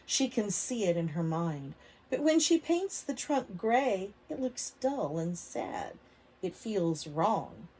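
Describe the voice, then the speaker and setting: A woman reads a picture book aloud to preschoolers as a storyteller, expressively stretching words for emphasis and putting questions to the children. Her voice is medium-pitched, slow and slightly rough.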